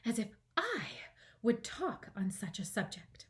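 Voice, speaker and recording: Woman voicing a shrill, indignant little storybook mouse. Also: huge pitch swings, takes it slowly, a little mellow, exaggerated voice. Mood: indignant, offended. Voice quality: shrill, trembling. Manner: indignant, self-important. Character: small, touchy, passionate mouse, shrill and indignant. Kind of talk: children's storybook reading.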